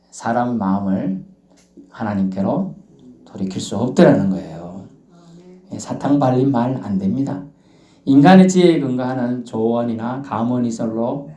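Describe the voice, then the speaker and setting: A man preaching a sermon as pastor, telling lively folksy stories and acting out bits of dialogue. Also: mid-range voice, echoey room. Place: church.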